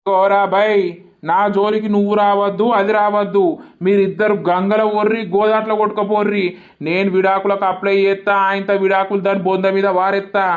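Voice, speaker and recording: A performer voicing a bitter middle-aged widowed village man in a cartoon comedy, scolding and cursing loudly, with a Telangana accent. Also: medium pitch, steady tone, brisk, dull audio, natural voice. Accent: Telangana Telugu.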